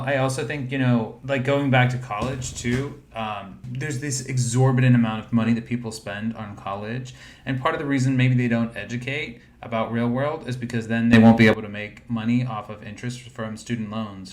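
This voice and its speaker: A man's voice: medium pitch, steady tone, brisk, few pauses. A man in his forties, a wellness coach speaking as an interview guest, earnest and casual. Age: 40s. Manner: earnest, casual with fillers like "you know". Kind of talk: conversational interview.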